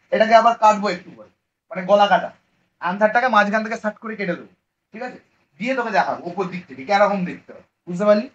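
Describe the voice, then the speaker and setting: A man's voice: sits high, fairly bright tone. A male biology teacher with a Bengali accent, giving an online class lecture in a casual way. He quizzes his students, answers his own questions and drops English terms into his speech. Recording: dull lo-fi recording.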